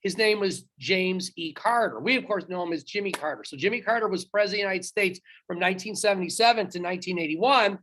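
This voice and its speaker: A man's voice: high-pitched, quick pace, hardly any pauses, pushed and bright, a little hiss or hum. A man teaching history in a recorded lecture, talking straight to his students and stopping to quiz them on trivia. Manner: chatty, talks straight to students, quizzes them.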